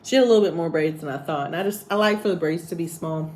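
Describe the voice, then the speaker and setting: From a hotel room abroad, a woman vlogs casually about her day, rambling and teasing as she goes. Her voice is low, quick and a little mellow, with a touch of hiss or hum in the recording.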